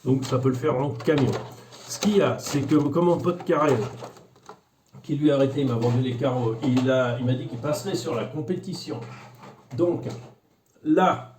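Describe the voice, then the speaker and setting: Brief: male vlogger, mid-pitched voice, casual rambling chat full of fillers, lively jumps in pitch. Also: normal speed, long pauses, slight background noise. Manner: rambling, with many fillers and restarts. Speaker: RC car hobbyist vlogger.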